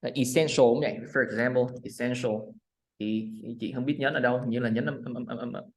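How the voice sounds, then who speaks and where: Male English tutor, video call, patient, drills words slowly. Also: mid-range voice, steady tone. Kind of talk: one-on-one online lesson.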